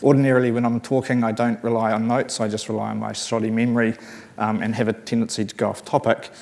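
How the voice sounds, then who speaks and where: A man's voice: lowish voice, flat delivery, quick pace, vocal fry, darkish tone. A man with a broad New Zealand accent gives a conference talk, partly reading from notes, slightly nervous, hesitant and self-deprecating. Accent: broad New Zealand (Kiwi). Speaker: conference presenter reading a colleague's paper. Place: conference session room, speaking to an audience.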